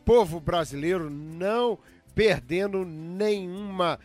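A man's voice: sits high, slow pace, soft background music. A male radio host from Brazil, chatting casually and introducing clips to his listeners.

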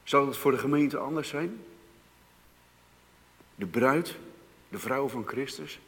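A man preaching a sermon, moving from hushed, slow passages to loud, emphatic outbursts. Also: mid-range voice, expressive. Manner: dramatic swings between hushed and loud emphasis. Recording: long reverb of a church hall.

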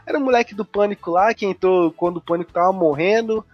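A husky-voiced Brazilian man hosts in a casual, slangy way. His voice sits slightly high and his commentary is irreverent and comedic. The recording is a bit dull. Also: quick pace, faint music behind. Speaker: podcast host.

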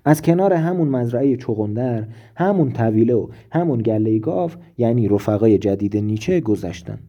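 A male storyteller narrates a scripted tale in a measured, dramatic way. His voice is very dark and mellow, with a husky edge. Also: mid-range voice, lively intonation, lo-fi sound.

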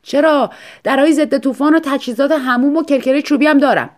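A woman voicing a courteous man selling storm windows, in an even sales pitch. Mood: polite.

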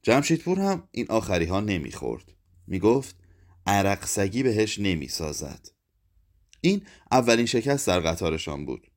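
A man narrating a literary short story in a measured, even reading voice. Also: lowish voice. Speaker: audiobook narrator. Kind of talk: scripted narration.

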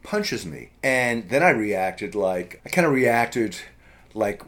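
New guy, middle-aged, lowish voice, rambling storyteller, lots of you-knows. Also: sing-song, takes it slowly, fairly bright tone. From US East Coast. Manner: rambling, many fillers and restarts. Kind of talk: casual storytelling.

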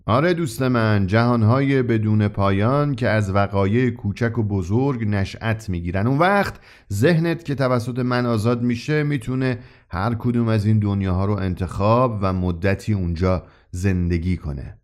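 A man's voice: fairly low pitch, lightly acted. A man voicing a mysterious, grinning old shopkeeper who sells his wonders with eager, confiding persuasion in a read-aloud story. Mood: persuasive. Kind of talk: audiobook character reading.

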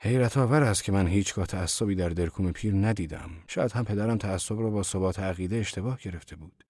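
A very deep-voiced man reads a novel aloud in a calm, measured way. The recording is dry and close, with no room sound around him. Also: no echo. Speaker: narrator. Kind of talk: audiobook narration of a novel.

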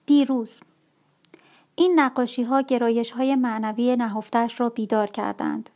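A woman reading a dark first-person story aloud in a measured, quiet, somber way. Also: fairly high pitch, steady tone. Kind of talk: audiobook story narration.

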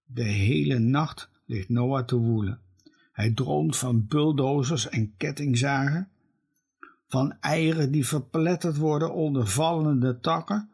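A man reading a children's storybook aloud in a slow, even way. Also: medium pitch, slightly rough. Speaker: narrator.

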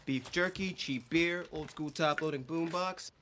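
A man's voice: on the high side, measured pace, close to an everyday voice. An actor playing a goofy man gearing up for home repairs in a sitcom. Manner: goofy, laughing. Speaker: sitcom character. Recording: noisy background.

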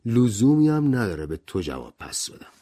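A gruff, defensive ex-inspector, as a male audiobook narrator plays him, snapping out short replies. The voice is fairly low but moves lively in pitch, as in a storybook reading. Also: no echo, studio quality. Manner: curt, defensive. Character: gruff, touchy ex-police inspector man.

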